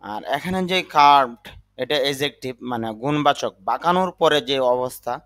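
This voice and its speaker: A man's voice: medium pitch, lively intonation, a bit bright, clean tone. A man teaching English vocabulary, carefully spelling and sounding out each word. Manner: spells and sounds out words deliberately. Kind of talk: slow vocabulary lesson in Bengali.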